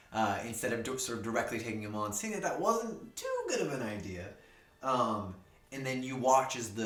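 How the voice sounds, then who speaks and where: A man with a bright, forceful and rather low voice runs a tabletop game as game master. He rambles through the scene with many fillers. The room around him is echoey. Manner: rambling, filler-heavy descriptive narration.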